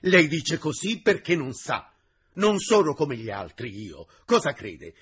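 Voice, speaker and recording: A man voicing an impassioned, lovestruck male secretary who pleads in an agitated voice that rises almost to shouting. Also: fairly high pitch, big pitch swings, a little slow, slightly rough, voice pushed up, exaggerated voice. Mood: desperate pleading.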